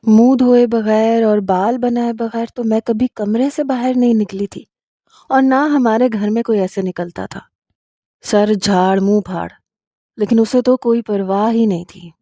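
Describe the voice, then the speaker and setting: A woman narrating a first-person romantic story in a steady, earnest way. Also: a little high, dry recording, studio quality.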